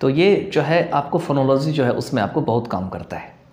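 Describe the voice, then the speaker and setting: A man's voice: mid-range voice, expressive, normal speed, a little mellow, reverberant. A man teaching a lesson, explaining as he writes on a board and mixing English terms into his talk with rhetorical questions. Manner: mixes English terms and read-out quotes into Hindi, checks with rhetorical questions.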